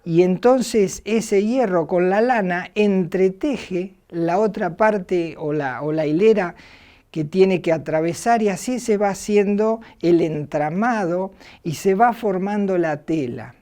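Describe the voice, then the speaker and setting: A middle-aged woman with an Argentine accent delivers a sermon at an unhurried, measured pace. Her voice is lowish and warm, soft at the edges. She speaks reflectively and slips into small acted voices for the quotes. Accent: Argentine Spanish. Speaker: preacher.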